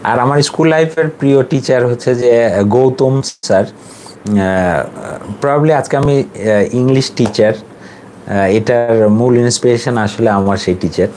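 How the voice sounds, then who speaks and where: A man in his forties with a Bangladeshi accent, an English teacher talking casually to his students, reflective and halting, with many fillers. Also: mid-range voice, dark tone, slight background noise. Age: 40s.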